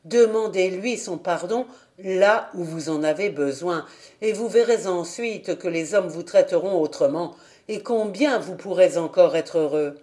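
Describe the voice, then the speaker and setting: An audiobook reader voicing an earnest village pastor who speaks in a measured, persuasive way. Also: mid-range voice, darkish tone, close to an everyday voice. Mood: conciliatory. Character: earnest village pastor, middle-aged man. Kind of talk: audiobook character reading.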